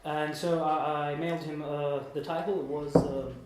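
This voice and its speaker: A man in his 20s, from Germany and Italy, gives a live student presentation at a small indoor meetup in an informal, hesitant and self-deprecating way, rambling as he goes. His voice is on the high side and darkish, with a flat delivery at a moderate pace. The distant room mic makes it echoey, with background noise.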